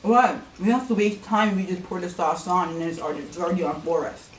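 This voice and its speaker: A woman's voice: fairly low pitch, fast talker, slight background noise. A woman vlogger chatting casually and teasing her partner during an eating challenge. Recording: echoey room, mic at a distance.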